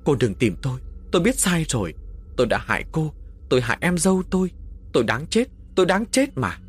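A man's voice: fairly high pitch, very animated, normal speed, slightly rough, voice pushed up. A man playing a panicked, guilt-ridden elder brother. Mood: guilty pleading. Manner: panicked, pleading, voice rising.

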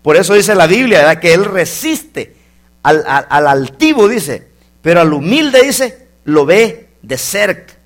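A male preacher delivers an animated sermon. His voice sits high and moves widely, rising to loud exclamations and sinking into quiet asides. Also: unhurried.

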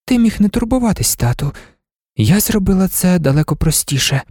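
A woman voicing a proud, self-assured young daughter who talks things through coolly and calmly. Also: fairly low pitch, moderate pace, no echo, clean studio sound, voice pushed up. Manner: cool, composed, reasoning calmly.

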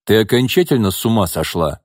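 A cold, sneering wealthy man, as the male reader plays him, calm and dismissive in an audiobook. His voice sits low and dark. The sound is dry and close-miked. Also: brisk, no room sound.

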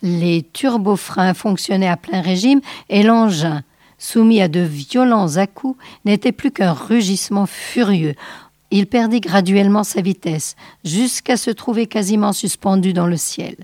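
Woman, novel reading aloud, measured, expressive, mid pitch, dry close sound. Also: dry recording. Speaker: reader.

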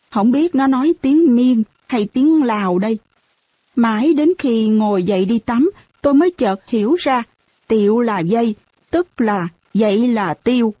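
A woman's voice: fairly high pitch, mellow, no echo. Woman narrating a storybook. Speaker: audiobook narrator.

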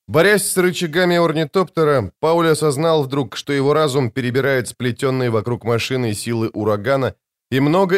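A man reading a novel aloud as an audiobook narrator, in a measured, dramatic storytelling manner. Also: medium pitch. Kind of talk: scripted narration.

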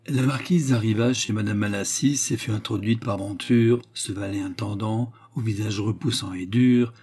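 A man narrating a classic novel as an audiobook, in a measured, dramatic storytelling manner. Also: lowish voice, mellow, breathy edge.

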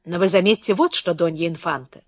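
A woman's voice: on the low side, a little fast, no echo, studio quality, close to an everyday voice. A woman reading the part of a smug, sarcastic male doctor in an audiobook, blunt and mocking.

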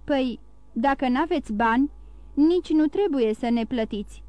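A woman's voice: sits high, mellow, clean tone, no echo, lightly acted. A woman voicing a blunt, loyal old sailor. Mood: eager. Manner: plainspoken and earnest.

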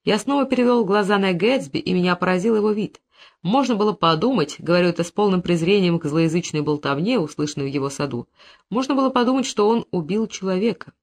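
A reader giving a measured, dramatic narration of a literary audiobook. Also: mid-range voice.

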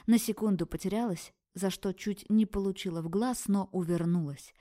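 A woman narrating a first-person novel aloud in brisk, vivid audiobook style. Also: mid-range voice, mellow.

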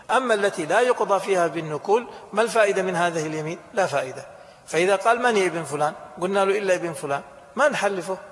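A man's voice: high-pitched, a bit bright, long reverb tail. A man teaching Islamic law in a classroom lesson, acting out short exchanges and quizzing his students. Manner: explains with acted dialogue and quick questions to students.

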